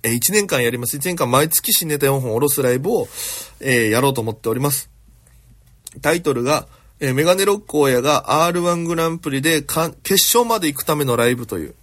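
Man, comedy podcast host, solo home recording, husky and quick, lively pitch, loose rambling delivery. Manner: rambling with many fillers. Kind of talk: solo storytelling chat.

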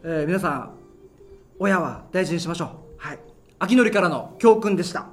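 A man's voice: sits high, expressive, moderate pace. A man hosting a local radio show, telling stories in a chatty way, laughing as he talks and using lots of fillers, recorded live in front of an audience. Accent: Okinawan. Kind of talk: casual solo radio talk. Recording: live recording with music behind.

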